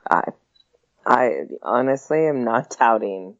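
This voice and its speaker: A man's voice: mid-range voice, expressive, slow pace. Guy co-hosting a sports podcast, casual, takes his time talking, kinda muffled sound. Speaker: podcast co-host. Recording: dull lo-fi podcast audio.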